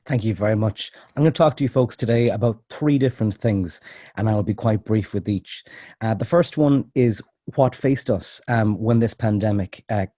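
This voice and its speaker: A man's voice: on the low side, normal speed, dark tone, dry recording, studio quality. A man speaking as a lecturer on a conference panel, giving a presentation over a video call. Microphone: video call microphone.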